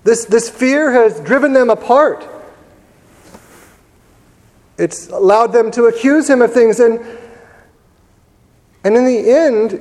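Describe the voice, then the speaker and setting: A man preaching a sermon in a church, telling the story in a conversational way with pauses and repeated words. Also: very high-pitched, a little mellow. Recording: long reverb of a large church hall.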